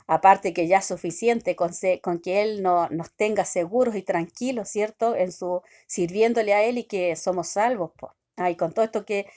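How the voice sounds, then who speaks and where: A woman giving a devotional sermon, talking haltingly with many restarts and constant questions tagged to her listeners. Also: mid-range voice, darkish tone. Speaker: preacher.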